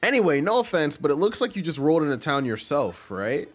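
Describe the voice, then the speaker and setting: A man voicing a perky young female goomba student in a bubbly, excitable way. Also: on the high side, brisk, soft background music, pitched above the performer's own voice. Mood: excited.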